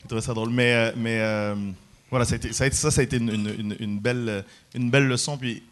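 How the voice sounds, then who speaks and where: A man from Quebec, a guest comedian telling animated stories and acting out quotes in high voices. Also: fast talker. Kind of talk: casual storytelling.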